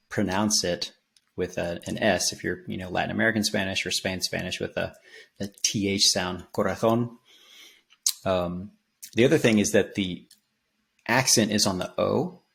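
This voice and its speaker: A man explaining song lyrics in a casual spoken language lesson, relaxed and rambling with many ums and restarts. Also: deep voice, creaky. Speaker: language teacher.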